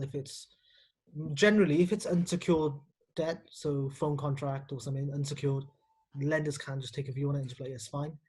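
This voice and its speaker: A man, a mortgage broker guest, explaining lending plainly and quickly in a casual live Q&A. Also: a little high. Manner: explanatory, matter-of-fact, quick.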